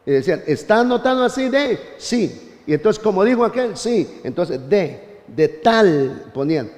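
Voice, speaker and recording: A man teaching a church Bible class, animated, often turning to his listeners as brother. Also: sits high, moderate pace, in a large hall.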